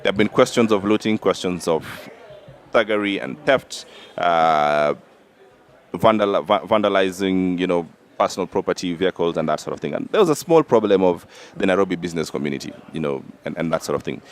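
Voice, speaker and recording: A man with a low voice debates politics on a talk show. He talks insistently and emphatically, pressing each point with a quick "all right?" before moving on. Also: lively intonation. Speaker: podcast co-host.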